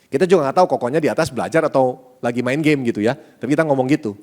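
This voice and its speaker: A man's voice: mid-range voice, rapid-fire, darkish tone. A middle-aged man from Aceh, a pastor, preaching in a conversational way, mixing casual slang into his sermon and often turning to the congregation with asides. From Indonesia, Aceh. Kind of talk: sermon with personal storytelling. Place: church service.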